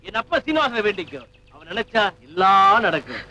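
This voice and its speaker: An actor playing a middle-aged doctor who jokes bluntly and teases in an offhand way. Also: male voice, high voice, big pitch swings, brisk, bright, forceful tone, full character voice, rough recording. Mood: teasing. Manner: mocking, offhand.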